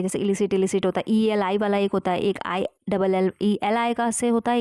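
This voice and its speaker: A woman's voice: mid-range voice, a little mellow, no echo. A woman teaching an exam-prep English lesson, explaining step by step and checking in often. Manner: explanatory, frequent "theek hai" check-ins.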